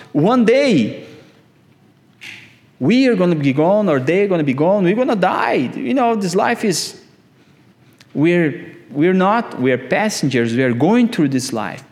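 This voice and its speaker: A man preaching a sermon in slow, emphatic phrases, his voice climbing on the key words. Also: high-pitched. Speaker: pastor.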